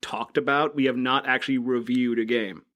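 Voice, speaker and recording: A man's voice: medium pitch, fairly even intonation, normal speed, fairly bright tone. A man co-hosting a gaming podcast in casual chat, with sarcastic, crude jokes. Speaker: podcast co-host.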